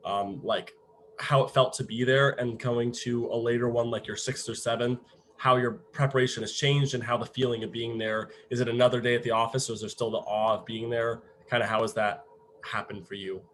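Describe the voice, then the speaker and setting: A man's voice: mid-range voice, steady tone, brisk, a bit bright, slight background noise. A young man, a student club member, asking a long rambling question on a video call. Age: young adult.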